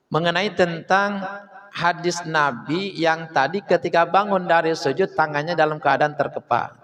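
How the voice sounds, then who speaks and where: A man's voice: on the high side, a bit bright. A man giving an Islamic text study lecture as a religious teacher, reading Arabic passages and explaining them step by step, often asking questions and answering them himself. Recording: long hall reverb.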